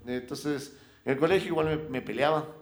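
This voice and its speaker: A middle-aged man, a podcast guest chatting casually and telling rambling stories with lively swings in pitch. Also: brisk. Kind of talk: casual chat.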